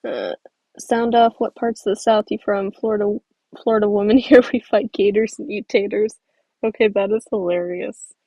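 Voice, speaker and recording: A young woman from the American South, a stop-motion creator, streams live and casually reads out viewer comments. Her warm voice is medium-pitched with fairly even intonation and a normal speed, in a dry, rough recording. She rambles amiably, uses plenty of fillers, and laughs easily.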